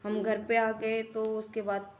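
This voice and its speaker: A woman's voice: a little high, completely flat delivery, a little slow, dull audio, slight background noise. A young woman, a mother, tells a casual home-vlog story in a rambling, homely way with many restarts. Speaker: mother vlogger.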